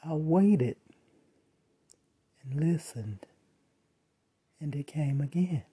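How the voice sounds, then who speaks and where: Slow dark husky storyteller, spooky first-person tale, takes their time. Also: medium pitch, expressive. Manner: slow, measured retelling with dramatic pauses.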